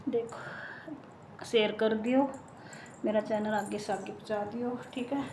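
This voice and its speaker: A young woman vlogging casually from her hot home kitchen, hoarse and unwell, chatting and complaining straight to her viewers. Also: fairly high pitch, fairly even intonation, unhurried. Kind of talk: casual chat to camera. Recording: echoey room, faint noise.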